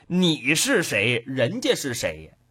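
A woman voicing a sneering man who taunts a poor farmer in a husky voice. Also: medium pitch, huge pitch swings, slow, fairly bright tone, pitched below the performer's own voice, heavily acted. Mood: taunting.

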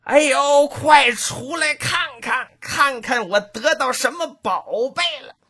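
A man voicing a kind-hearted middle-aged merchant overjoyed at finding a baby, in a lively storytelling manner. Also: high-pitched, unhurried, breathy edge, full character voice. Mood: excited shouting. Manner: lively storyteller's voice with dialect colour.

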